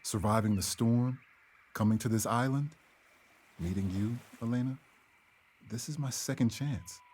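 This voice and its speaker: A man playing an earnest, calm healer in a stagey period drama, speaking in measured, formal phrases. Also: mid-range voice, a little hiss or hum, close to an everyday voice. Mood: earnest, persuasive. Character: earnest young male healer, calm and devout believer in elders.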